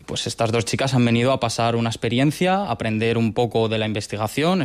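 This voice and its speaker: A man in his twenties from Madrid, a doctoral researcher explaining his work in a lab in a measured, patient way with small restarts. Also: mid-range voice. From Madrid, Spain. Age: 20s. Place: research laboratory.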